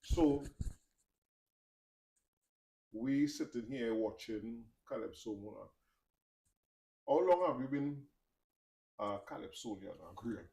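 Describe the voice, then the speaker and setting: A man's voice: medium pitch, a little slow, vocal fry, long pauses, mellow, rough recording. A man with a Trinidadian accent hosting a podcast interview, rambling and stumbling as he asks his questions. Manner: rambling, hesitant, stumbles over words. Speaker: podcast host. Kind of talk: casual interview.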